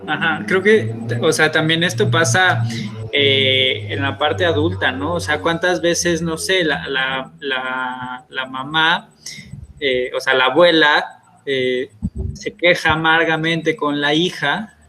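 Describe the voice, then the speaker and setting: A man's voice: a little high, steady tone, takes it slowly. A man, hosting a casual podcast and talking hesitantly, with many fillers and restarts. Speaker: podcast host. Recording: faint background noise.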